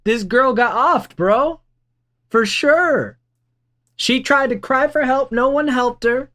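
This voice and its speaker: A man's voice: very high-pitched, slow pace, sharp tone. A man hosting a reaction video, talking in blunt, slangy, exasperated asides. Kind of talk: casual reaction commentary.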